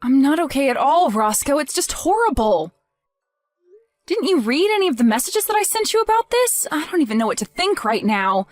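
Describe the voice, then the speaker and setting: A heartbroken young wife, voiced by a woman, pleads in a high, lively voice in a voice-acted text-message drama. Her pitch swings widely as her hurt builds. Faint music plays underneath. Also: moderate pace, dry recording. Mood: grieving. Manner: emotional, pleading, voice rising and falling.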